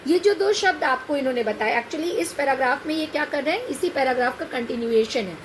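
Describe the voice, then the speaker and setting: A woman's voice: sits high, lively intonation, a little fast, low-quality recording. A woman teacher giving a lecture, explaining a text patiently and checking in with her students through rhetorical questions. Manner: patient, addresses students as "बेटा". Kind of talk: classroom lecture on a set text. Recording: faint background noise.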